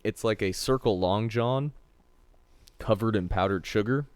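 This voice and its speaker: Casual podcast host, man, deep voice, enthusiastic and profane, dry recording. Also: unhurried, clear, resonant tone, no room sound. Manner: profane, enthusiastic sports talk. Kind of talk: casual chat.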